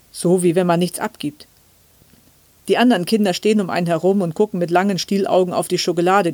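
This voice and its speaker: A woman reading a children's Christmas story aloud, with calm, gentle storytelling. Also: on the low side, dry recording. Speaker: reader. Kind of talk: scripted storybook narration.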